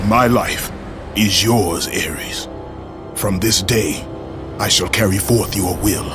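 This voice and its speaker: An actor playing a wrathful Spartan warrior in a video game, with harsh bellowing shouts and low growled vows. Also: male voice, slow. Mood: grim vow. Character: wrathful Spartan warrior, grim adult man. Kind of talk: video game cutscene acting. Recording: game audio with loud music.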